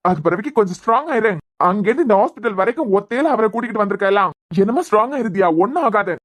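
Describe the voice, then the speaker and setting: A woman voicing a firm, calm young policeman in a cartoon serial, with a Kanyakumari Tamil accent. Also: medium pitch, fast, lightly acted.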